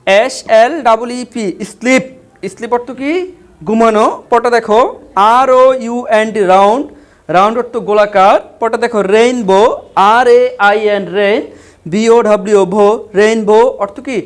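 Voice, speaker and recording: A man's voice: high-pitched, fairly even intonation, normal speed, clean tone. A male teacher giving an online vocabulary lesson, spelling each word letter by letter and then repeating questions about how it is said and what it means.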